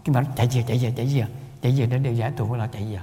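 A man's voice: medium pitch, steady tone, rapid-fire, warm tone, in a large hall. A man with a Southern Vietnamese accent, a Buddhist lay teacher giving a storytelling talk, rambling and repeating words, often chuckling.

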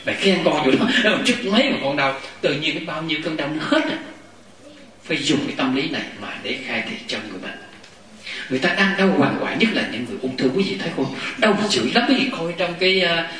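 A man giving a Buddhist dharma talk to a gathering, animated, often laughing and acting out what people say. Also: on the high side, fast talker. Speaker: Buddhist lay teacher. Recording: echoey hall, mic far off.

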